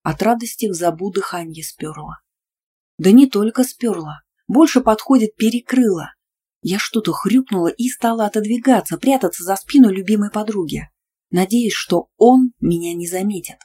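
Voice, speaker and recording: A woman narrating a first-person audiobook in a lively, playful, ironic way. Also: mid-range voice, normal speed, breathy edge.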